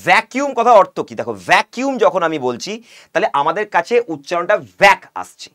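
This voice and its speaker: A young male teacher with a Bengali accent explains exam English, reading questions out slowly and then asking and answering his own questions. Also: high-pitched, big pitch swings, fairly bright tone. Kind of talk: exam-prep video lesson.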